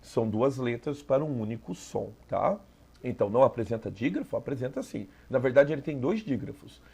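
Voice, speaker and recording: Gravelly-voiced Brazilian man teaching. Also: mid-range voice, lively intonation, a little fast, a little mellow. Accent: Brazilian Portuguese. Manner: explanatory, frequent "tá?" checks. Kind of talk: exam review lesson.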